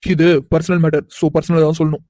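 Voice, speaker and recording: A woman plays a young man in a cartoon who teases and probes without raising his voice. The voice sits low and flat, with a dark, mellow tone, and the lines come out fast and unhurried at once. The sound is dry and close, with no room around it. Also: no echo, close to an everyday voice. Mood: insistent. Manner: unhurried, probing, quietly insistent. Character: calm teasing young man, a boss-like "sir". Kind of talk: animated cartoon dialogue.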